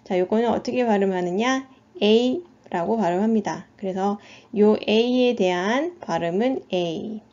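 A woman with a Korean accent teaching an English phonics lesson, speaking slowly and patiently and repeating each sound twice. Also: medium pitch, dark tone, dull audio.

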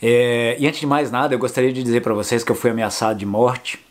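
An older Brazilian man, a motorcycle travel vlogger, telling road stories to camera in a lively, jokey, colloquial way. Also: mid-range voice, fast talker. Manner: animated, jokey, colloquial storytelling. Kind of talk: casual storytelling to camera.

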